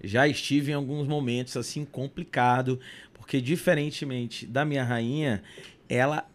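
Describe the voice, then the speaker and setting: A man's voice: medium pitch, moderate pace. A young man, a podcast guest telling stories in casual chat and acting out the dialogue. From Brazil. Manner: animated, acts out dialogue. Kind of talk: casual storytelling.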